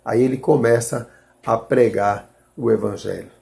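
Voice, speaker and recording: A man's voice: mid-range voice, a little slow, creaky, darkish tone. A man preaching a sermon, reading scripture and explaining it in an earnest way, calling his listeners brothers and restarting as he reasons aloud.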